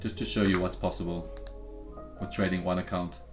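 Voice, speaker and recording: A young South African man hosts a live trading stream over music, his low voice moving little in pitch and running a bit fast. Upbeat and chatty, he speaks straight to viewers in casual livestream style, calling them guys and bro.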